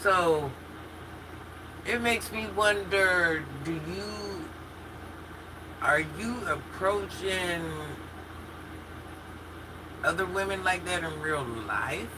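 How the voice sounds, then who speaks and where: A woman's voice: fairly low pitch, very slow, long pauses, noisy background. A woman in her fifties hosting a casual livestream, chatting candidly as she reads and answers viewer comments. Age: 50s. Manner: chatty and candid, talks straight to chat with frequent laughs and restarts. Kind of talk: casual chat.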